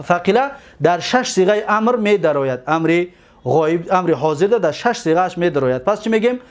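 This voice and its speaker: High-voiced man teaching grammar drills. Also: a little mellow. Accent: Tajik. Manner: drills word forms slowly and repeatedly, checks on students. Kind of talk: classroom lesson.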